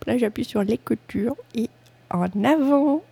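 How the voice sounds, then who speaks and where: Hesitant woman radio host, gravelly and mellow. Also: fairly high pitch, measured pace. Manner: hesitant, many fillers and restarts, self-mocking. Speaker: radio host presenting music. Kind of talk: casual radio chat between tracks. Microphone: studio microphone.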